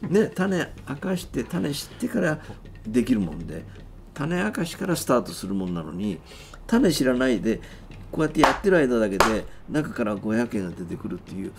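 Lively older man pitching like an infomercial. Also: brisk, creaky, noisy background. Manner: showman's patter, acting out sales lines and customer reactions. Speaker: magician and former sales demonstrator. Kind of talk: infomercial-style live sales demonstration with explanation. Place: small book-lined office, seated at a table. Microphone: clip-on lapel mic.

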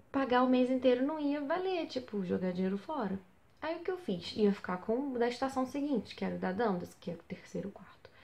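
A young woman telling a story in a casual vlog from a small basement bedroom, animated and full of rhetorical questions. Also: fairly high pitch. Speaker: vlogger on exchange.

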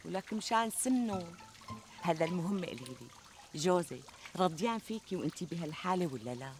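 Casting: chatty, coaxing Syrian best friend, TV comedy, quick emphatic delivery, faint outdoor noise. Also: female voice, on the low side, expressive. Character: flattering, reassuring, chatty woman friend. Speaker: actress in a TV comedy drama. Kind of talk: conversational TV comedy sketch acting. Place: outdoors in a garden. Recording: outdoor ambience, trickling water noise.

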